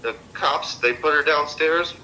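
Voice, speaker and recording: A man with a very bright, sharp voice answers police questions. He rambles and swears, worked up and agitated, with faint noise around him. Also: on the high side, unhurried, low-quality recording. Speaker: interviewee, friend of victim. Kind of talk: recorded police interview.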